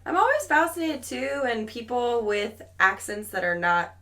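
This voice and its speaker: A young woman chatting casually about movies on a podcast, quick to laugh. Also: a little high, very animated, pushed and bright.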